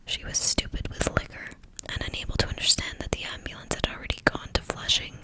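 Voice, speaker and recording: A woman reading a novel aloud as ASMR in a hushed, breathy whisper. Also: low-quality recording. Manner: hushed, fully whispered narration.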